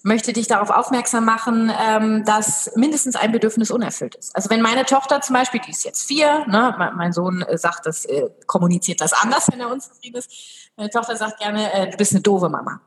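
A woman in her thirties talking casually in a podcast conversation, lively and acting out her child's lines. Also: on the high side, fairly quick. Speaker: parenting guest.

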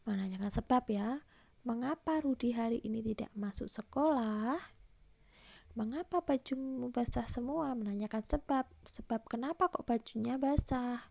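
A woman's voice: a little high, moderate pace, gravelly, a little mellow, muffled recording. A woman teacher giving a recorded online lesson to primary school children, patiently explaining and reading example questions aloud.

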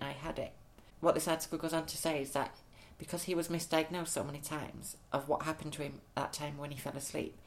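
Reading news pieces aloud on a podcast he co-hosts, a man chats casually and tosses in amused comments. His voice is a little high, and there is a slight hiss or hum in the recording.

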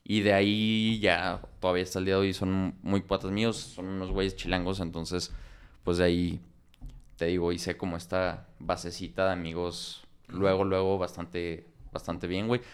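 A young man from northern Mexico, a podcast guest, telling slangy, animated stories in casual chat. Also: low-pitched, moderate pace, smooth.

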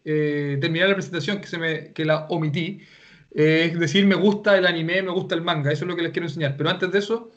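A man's voice: on the high side, lo-fi sound. A man from Chile with a Chilean accent, teaching an online language class and explaining at length with many restarts. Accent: Chilean Spanish.

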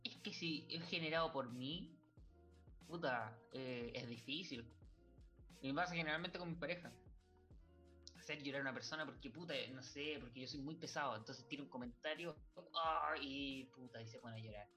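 A man's voice: mid-range voice, moderate pace, sharp tone, faint music behind. A young man with a Chilean accent chatting casually, rambling in crude slang and laughing often. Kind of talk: casual chat.

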